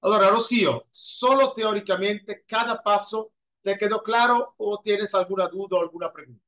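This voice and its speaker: Over a muffled video call, a man teaches an Italian class, patiently fielding students' questions in an online Q&A and praising them again and again. His voice sits high and is fairly bright, with a steady tone and a moderate pace.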